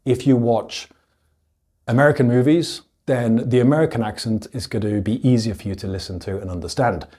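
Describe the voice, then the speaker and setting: A man with a British accent, an English teacher explaining pronunciation to learners and demonstrating sounds. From United Kingdom. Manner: explanatory, lively pitch jumps for emphasis, demonstrates sounds.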